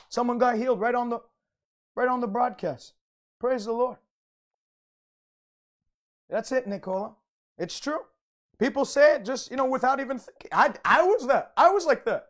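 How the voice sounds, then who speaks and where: Preaching a conversational sermon on a broadcast, a man with a very high voice makes fervent, emphatic declarations. He often circles back, repeating or restarting what he says.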